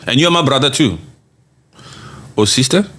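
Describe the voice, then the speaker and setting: A man hosts a casual podcast, reading out viewer comments and answering them with emphatic, repeated lines and frequent laughter. His voice sits at a middle pitch but swings widely as he gets worked up. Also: normal speed. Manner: animated and emphatic, laughs often, repeats phrases for effect. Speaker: podcast host.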